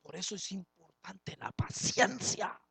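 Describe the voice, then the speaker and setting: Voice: mid-range voice, expressive, a little slow, vocal fry, pushed and bright, husky, dry recording. A preacher giving a sermon, speaking with passion, acting out the dialogue of biblical figures and questioning the congregation directly. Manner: impassioned, acts out biblical dialogue. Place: church service, streamed live.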